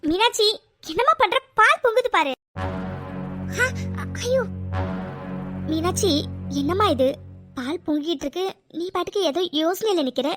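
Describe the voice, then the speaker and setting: A woman's voice: very high voice, animated, moderate pace, long pauses, music in the background. A woman voicing a fussy, worried older aunt in a cartoon, scolding and questioning. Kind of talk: cartoon voice acting.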